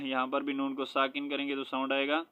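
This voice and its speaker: A man teaching Quran reading, spelling each word letter by letter and then reciting it slowly, with a Pakistani Urdu accent. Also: mid-range voice, completely flat delivery, bright, forceful tone, clean tone. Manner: slow syllable-by-syllable spelling, then drawn-out recitation.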